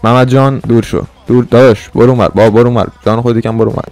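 A young male streamer mixes a brash gangster roleplay with running commentary for his audience. He swings between loud bravado aimed at other players and lower, confiding remarks to the viewers. His pitch sits in an ordinary middle range. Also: fairly even intonation, faint music behind. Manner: swaggering tough-guy banter, swings between loud bravado and quiet asides.

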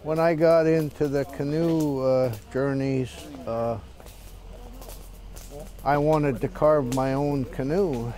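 An older man in an interview, recalling slowly with hesitant pauses, outdoors at a work site. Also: medium pitch, fairly even intonation, mellow. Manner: slow, hesitant recollection.

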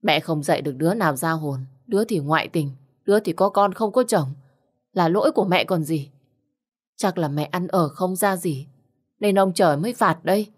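A woman's voice: lowish voice, moderate pace, natural voice. A woman reader voicing a worried, grieving elderly mother who blames herself. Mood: sad. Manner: mournful, self-blaming.

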